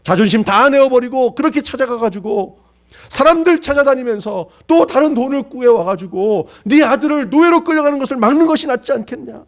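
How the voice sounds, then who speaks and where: A man's voice: very high-pitched, expressive, fairly quick. A male pastor preaching a sermon, acting out pleading prayers and rhetorical questions with dramatic swings.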